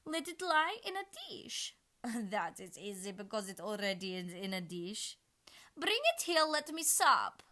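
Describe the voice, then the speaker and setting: A woman reading aloud, voicing a gentle, scatterbrained queen who coos her words in a sing-song way. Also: medium pitch, sing-song, a little slow, pitched above the performer's own voice. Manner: cooing like a pigeon.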